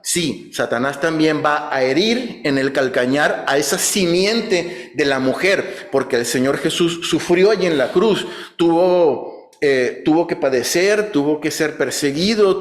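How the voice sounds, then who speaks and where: A man preaching a Sunday sermon in a church. He explains scripture references, asks the congregation questions and acts out biblical speakers with a raised, lively voice. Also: fairly high pitch.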